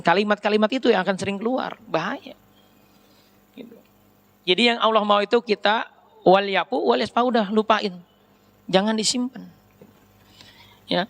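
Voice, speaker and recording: A middle-aged man preaching a casual sermon, often asking his listeners questions. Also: high voice. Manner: lively, asks the audience questions.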